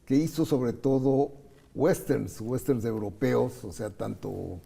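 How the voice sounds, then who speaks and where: A man's voice: medium pitch, takes it slowly, gravelly, warm tone, slightly rough. A middle-aged man co-hosting a film talk show, chatting casually and recalling films and actors' careers in detail. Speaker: film critic co-host. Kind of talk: casual conversation about film.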